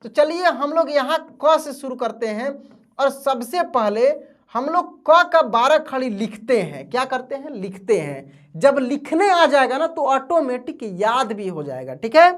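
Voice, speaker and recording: A woman's voice: sits high, big pitch swings, measured pace. A woman teacher giving an online alphabet lesson, asking and answering her own questions.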